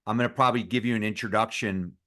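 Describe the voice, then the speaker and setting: A man hosting a business interview show, asking questions in an energetic way with quick asides. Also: on the low side. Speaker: podcast host.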